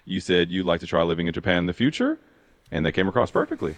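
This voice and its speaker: Deep, very animated, fast male tutor. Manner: encouraging, affirming. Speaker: AI language tutor. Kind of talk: conversational tutoring feedback.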